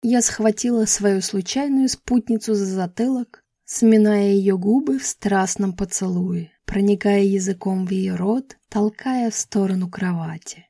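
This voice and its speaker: A woman's voice: medium pitch, unhurried, vocal fry, hardly any pauses, dark tone, no echo, studio quality. A woman reading a first-person novel aloud, dramatically and with emotion. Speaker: audiobook narrator.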